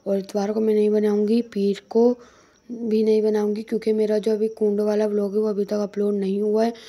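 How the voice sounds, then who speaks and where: A woman's voice: medium pitch, flat delivery, brisk, mellow. A young woman narrating a casual family vlog in a chatty way, often repeating herself and restarting lines. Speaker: vlogger.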